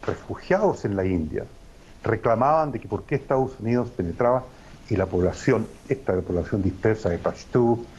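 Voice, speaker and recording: A man's voice: on the low side, animated, moderate pace, a little mellow, breathy edge, dull audio. A man as a guest analyst, explaining in an emphatic, professorial way with frequent hesitations. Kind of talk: lecturing analysis on a talk show.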